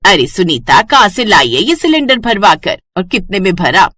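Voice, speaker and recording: A woman voicing a sharp-tongued, nagging older mother-in-law in a cartoon story, scolding and exasperated. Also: mid-range voice, sing-song, normal speed, dry recording. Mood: surprised.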